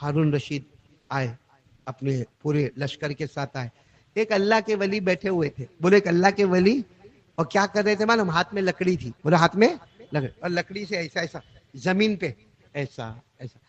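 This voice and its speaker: Animated high-voiced male preacher. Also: muffled recording. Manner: animated, asks audience to repeat. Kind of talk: storytelling sermon.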